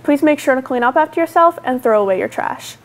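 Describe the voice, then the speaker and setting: High-pitched teenage American girl reading announcements. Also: expressive, fast talker. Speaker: student news anchor. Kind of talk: scripted school announcements. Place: indoor school studio before a curtain. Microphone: lapel mic.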